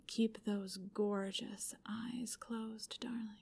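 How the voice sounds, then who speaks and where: A woman's voice: fairly high pitch, steady tone, slow pace, vocal fry, a little mellow, husky. A woman in a whispered ASMR roleplay, speaking in an intimate, commanding whisper.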